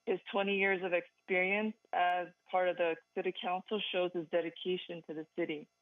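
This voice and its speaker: A woman calling in by phone to a council meeting, reading a firm, measured prepared comment. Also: on the low side, flat delivery, dry recording. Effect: calling in over a phone line. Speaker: public comment caller. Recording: dry, tinny phone line.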